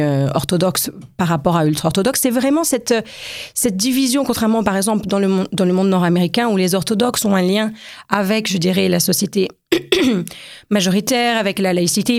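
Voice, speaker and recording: A woman's voice: medium pitch, darkish tone, no room sound, clean studio sound. A woman from France answering radio interview questions, thoughtful and hesitant, with many fillers and restarts. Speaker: guest researcher.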